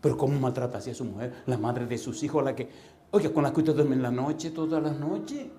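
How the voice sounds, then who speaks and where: A middle-aged man preaching a sermon in a church, telling comic stories with sudden loud bursts and sound effects and putting questions straight to the congregation. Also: medium pitch, fairly quick, a little hiss or hum. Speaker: pastor. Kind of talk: sermon with comic personal anecdotes.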